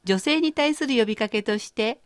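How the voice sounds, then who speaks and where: A woman hosting a radio language lesson, explaining phrases clearly and chatting with her co-teacher. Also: fairly high pitch, expressive, normal speed, dry recording. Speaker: language course host.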